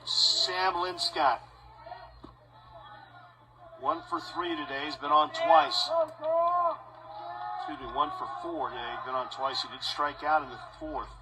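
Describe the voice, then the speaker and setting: A man announcing live baseball play-by-play in a measured voice that rises on big plays. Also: on the high side, creaky. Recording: broadcast with steady background noise.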